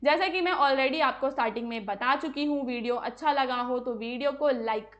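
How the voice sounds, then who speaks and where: A woman's voice: high voice, a little fast, dull audio. A woman teaching an exam-prep lesson, explaining step by step, putting questions and answering them herself, with English words mixed in. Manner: asks and answers her own questions.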